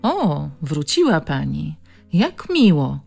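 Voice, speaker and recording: A woman voicing a brisk, ironic middle-aged nurse who mocks and scolds her patient. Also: medium pitch, huge pitch swings, gravelly, a little mellow, soft background music, pitched above the performer's own voice, full character voice. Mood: ironic scolding. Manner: mocking, scolding.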